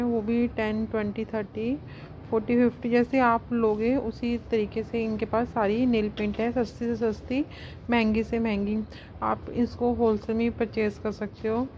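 A woman's voice: a little high, darkish tone, highs cut off, slight background noise. A woman filming a casual shopping vlog as she walks through wholesale market stalls and points out goods and prices. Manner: chatty, repeats "guys" and "very pretty" a lot. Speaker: cosmetics channel vlogger.

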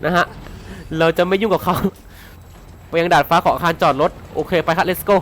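A man commentating his game playthrough in an excitable way, swearing and laughing as he plays. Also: on the high side, normal speed, slight background noise. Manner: excitable, swears and shouts often; laughs a lot. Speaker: gaming YouTuber.

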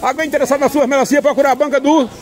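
A man's voice: very high-pitched, steady tone, rapid-fire. A man from Alagoas, giving chatty, casual commentary while walking through an outdoor street market, repeating phrases as he goes. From Alagoas, Brazil. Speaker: vlogger. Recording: busy street crowd noise. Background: loud crowd.

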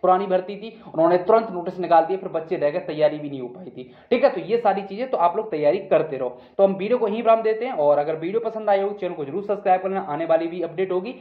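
Speaking high and fast with few pauses, a man explains things to exam candidates in a casual, instructive exam news video. He frequently repeats himself and checks in, and the sound is dull, muffled and echoey.

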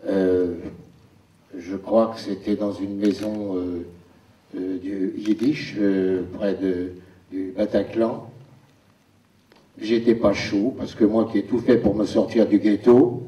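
A man, an actor, telling wry stories about the filming at a premiere Q&A, with pauses as he goes. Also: on the low side, level tone, mellow. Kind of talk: anecdotal talk at a premiere Q&A. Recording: echoey hall, distant dull mic.

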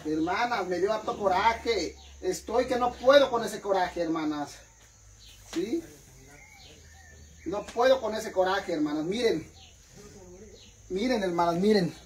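A man's voice: sits high, measured pace, long pauses, a little hiss or hum, rough recording. A man doing a casual vlog rant to his followers, theatrical and profane, eating while he talks. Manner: theatrical, profane, mock-indignant, keeps calling viewers "sisters"; eating on camera while talking. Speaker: vlogger.

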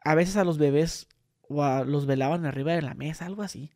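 High-pitched mexican guy telling stories, lots of slang, dry close mic. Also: fairly quick, no echo. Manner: animated storyteller, crude slang. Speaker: podcast co-host. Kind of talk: casual chat.

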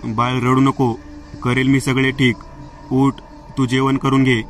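A man reading the part of a worried mother soothing her grown daughter, calm and plain. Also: mid-range voice, unhurried, a little hiss or hum, natural voice.

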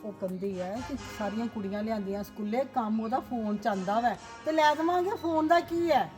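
A woman's voice: fairly high pitch, brisk, over music, natural voice. A woman playing a stern grandmother who scolds and lectures in a family drama. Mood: scolding. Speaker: actor.

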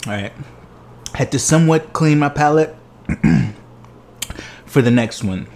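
Excited man tasting desserts on camera. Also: on the high side, unhurried. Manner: exuberant, chatty, savoring each bite. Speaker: food vlogger. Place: living room at home.

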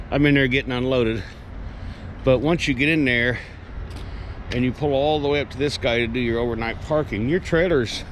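A man in his fifties chats casually to a camera mounted in his truck cab, wandering from one thought to the next with plenty of ums and uhs. His voice sits at an ordinary middle pitch. A faint hum of vehicle noise runs underneath. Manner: rambling, conversational, many fillers. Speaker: truck driver vlogger. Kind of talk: casual vlog monologue. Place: truck cab at night, earlier outdoors at a loading yard.

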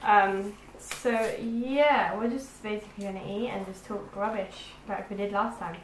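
A woman's voice: mid-range voice, steady tone, normal speed. A chatty, teasing woman, hosting a casual food taste-test vlog. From London, England. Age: 20s. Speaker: vlogger co-host. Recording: echoey room with faint background hiss.

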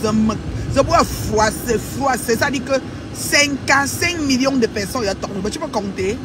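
A woman's voice: fairly high pitch, moderate pace, crowd noise. Taunting Cameroonian woman ranting from car. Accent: Cameroonian French. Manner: teasing, taunting, repetitive sing-song chant. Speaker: social media personality. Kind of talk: casual vlog rant to viewers. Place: inside a car outdoors in cold weather. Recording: noisy car and street background.

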